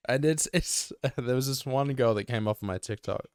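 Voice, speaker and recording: A man's voice: medium pitch, moderate pace, darkish tone, smooth, no room sound, studio quality. Agreeable male podcast co-host chiming in. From Australia. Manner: agreeable, chiming in, laughing often. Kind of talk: casual podcast chat.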